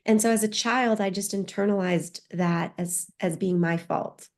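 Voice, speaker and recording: A slightly mellow, medium-pitched voice at normal speed belongs to a woman in her thirties or forties. Born to Spanish as a first language and from the United States, she guests on a podcast, sharing her life story openly and thoughtfully with many restarts.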